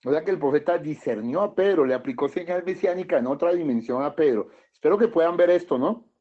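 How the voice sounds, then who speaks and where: A male Colombian pastor delivers a sermon in a voice pitched a little high. He reads passages aloud and breaks in with short asides and questions. The church recording is dull and lo-fi. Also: fast. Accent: Colombian Spanish. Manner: reads quotes aloud, then comments with chuckles and questions. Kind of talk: sermon reading and commenting on scripture. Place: church hall.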